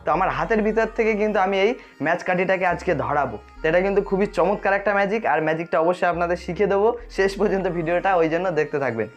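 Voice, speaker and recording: Fast-talking host of a magic tutorial. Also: mid-range voice, highs cut off, soft background music. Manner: addresses viewers directly, repeatedly checks they follow. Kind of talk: magic tutorial to camera, explanatory.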